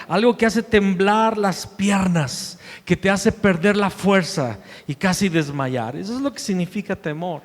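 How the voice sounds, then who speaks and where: Male pastor, high voice, emphatic sermon, repeats phrases, long reverb hall. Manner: emphatic preaching, repeats key phrases, swings between loud and hushed. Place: church sanctuary.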